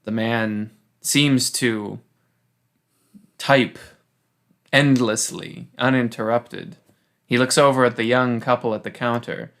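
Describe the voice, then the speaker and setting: A man co-hosting a podcast, narrating an improvised story in a halting way with repeated words. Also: mid-range voice, steady tone, a bit bright.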